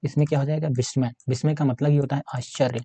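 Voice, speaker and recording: A man's voice: mid-range voice, steady tone, fast, warm tone, no echo. A man teaching a casual exam-prep grammar lesson, talking while he writes on a board and often asking "है ना?". He speaks Hindi with an Uttar Pradesh accent. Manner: repetitive, keeps asking 'है ना'; talks while writing on a board.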